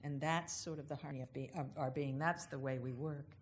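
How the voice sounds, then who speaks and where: A woman giving an unhurried, thoughtful spiritual talk, stretching out the words she wants to stress. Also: sits low, fairly even intonation, a little hiss or hum. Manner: unhurried, thoughtful, drawn-out emphasis on key words. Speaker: speaker giving a reflective address.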